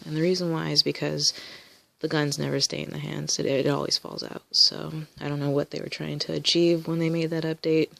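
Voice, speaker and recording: Gravelly-voiced woman showing her collection. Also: low-pitched, flat delivery, brisk, a bit bright. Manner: rambling, many ums and restarts. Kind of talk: casual show-and-tell video.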